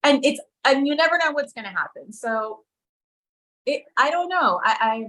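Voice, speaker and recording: Born in Israel and raised in America from childhood, a woman who is a community leader and activist speaks casually as an interview guest, informally and often thinking aloud. Her voice is high, animated, pushed and bright at normal speed, on a rough recording.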